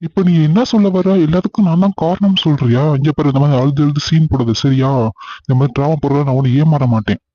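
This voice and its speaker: A man's voice: fairly high pitch, fast talker, no echo, lightly acted. A young man acting a husband who argues, then coaxes his wife on a phone call. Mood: defensive. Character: defensive young husband, later apologetic. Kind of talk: acted phone-call drama. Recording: slightly dull lo-fi sound.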